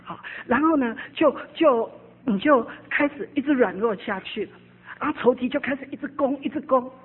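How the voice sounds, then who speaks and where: A woman, preaching a personal sermon testimony. Her voice sits high and a little breathy, swinging between emphatic, animated preaching and quiet asides. The sound is narrow and phone-like. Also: moderate pace.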